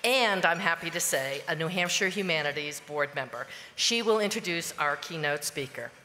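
A woman's voice: low-pitched, lively intonation, moderate pace. A woman hosting a dinner program, thanking sponsors and introducing the next speaker with little laughs. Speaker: event host. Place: large hall at a dinner. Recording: hall reverb, faint noise.

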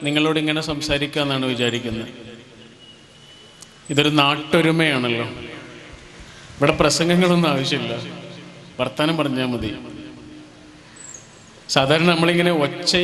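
A man giving a motivational speech at a community gathering, talking in a gentle, reflective way and pausing between short phrases. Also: fairly high pitch. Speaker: speaker.

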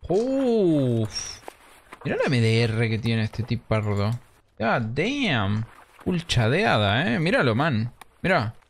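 A man with an Argentine accent giving excitable live gameplay commentary, swearing and mixing in English slang. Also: medium pitch, slow pace, slight background noise. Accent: Argentine Spanish. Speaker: streamer.

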